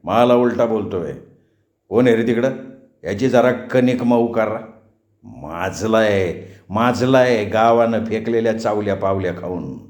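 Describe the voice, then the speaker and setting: A man's voice: fairly low pitch, measured pace, a little mellow, natural voice. A man doing a domineering village landlord. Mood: menacing. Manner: threatening, commanding. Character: domineering rich older landlord, harsh tempered. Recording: roomy echo.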